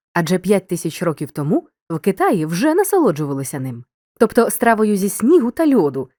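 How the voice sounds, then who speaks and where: A woman narrating a scripted grammar lesson as a teacher, giving clear instructions and speaking straight to the learner. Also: on the low side, darkish tone, dry recording, studio quality. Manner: clear didactic instruction, addresses the learner directly.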